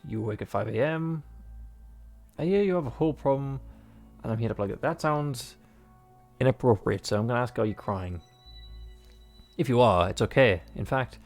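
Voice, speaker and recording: A man with a gravelly, medium-pitched, somewhat dark voice reads the narration of a visual novel aloud as he plays. He pads it with rambling, joking asides and lots of fillers, acting as both player and narrator.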